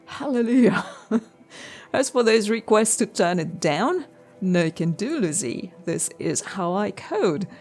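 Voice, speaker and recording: A woman's voice: medium pitch, steady tone, drawn-out words, creaky, hardly any pauses, darkish tone, soft background music, full character voice. A woman voicing an eccentric male coder who loves death metal, in a drawling, folksy put-on accent. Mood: brash.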